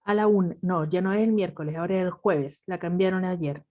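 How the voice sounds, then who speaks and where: Her voice on the low side and dark in tone, a woman with a Chilean accent moves briskly through an online math lecture over video call. She stays patient and affectionate with her students.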